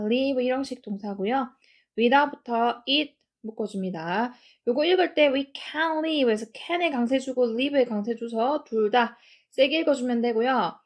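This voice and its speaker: A woman teaching English grammar, explaining each sentence step by step and reading the English lines slowly. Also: a little high. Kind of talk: grammar lesson.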